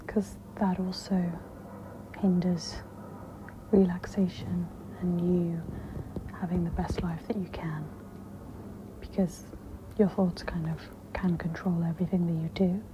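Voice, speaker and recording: A woman hosts a guided meditation in soft-spoken ASMR style, her fairly low voice whispery and breathy. She instructs slowly and gently, and the dull lo-fi recording carries audible background noise.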